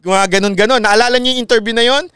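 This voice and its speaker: A man's voice: very high-pitched, fast, clean tone, no room sound, studio quality. A man hosting a casual live-stream commentary, repeating his points and checking in with listeners. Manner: animated, repeats points, asks listeners "okay?". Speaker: online commentary host.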